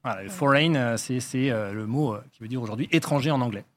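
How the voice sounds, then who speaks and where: A man's voice: medium pitch, fast talker, a bit bright. A man explaining things in casual chat, with many fillers and restarts. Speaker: guest linguistics enthusiast.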